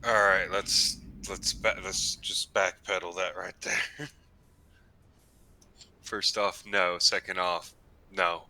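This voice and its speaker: Arkansas guy chatting over a game, really sharp bright voice, on the low side. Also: steady tone, very slow, pauses often. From Arkansas, United States. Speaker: player in a group gaming session. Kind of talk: casual game banter.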